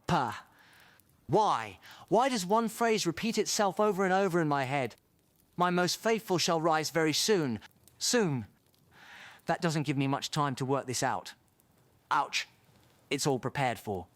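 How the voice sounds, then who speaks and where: A man playing an excitable, eccentric time traveller in a fan audio drama, rambling theatrically to himself. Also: on the high side, a little slow, pauses often, no echo. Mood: puzzled. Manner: theatrical, rambling self-talk.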